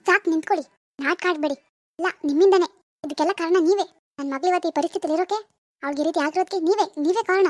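Woman voicing Gayatri, a shrill accusing mother. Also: rapid-fire, no room sound. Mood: furious. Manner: accusing, shouting blame. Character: furious middle-aged mother of the hospitalized daughter. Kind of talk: animated cartoon voice acting.

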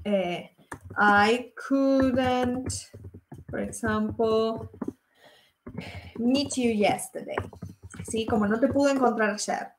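A young Argentine woman with an Argentine Spanish accent teaches English in a live online lesson, drilling examples slowly and making sure her students keep up. Her mid-range voice is creaky, and the room echoes with a faint hiss or hum.

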